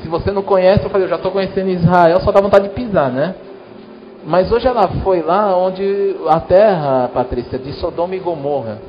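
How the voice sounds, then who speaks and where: Preaching in a conversational way, a Brazilian pastor addresses his church congregation head-on, his Brazilian Portuguese accent clear. He speaks at a moderate pace in a high-pitched voice, and the audio lacks highs and carries slight background noise.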